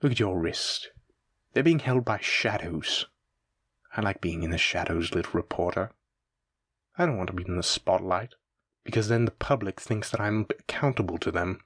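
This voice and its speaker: A voice actor plays a suave, menacing mafia boss in a scripted roleplay audio drama aimed at the listener, his low, slightly bright voice carrying a breathy edge at a normal speed. He's theatrical, teasing and condescending, radiating smug, calm menace. The sound is clean studio quality with no echo.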